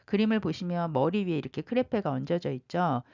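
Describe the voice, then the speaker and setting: A woman with a fairly low voice gives a patient, explanatory language lesson. She reads the French phrases out slowly and carefully. The recording sounds dull and lo-fi. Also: animated, creaky, mellow. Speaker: French teacher.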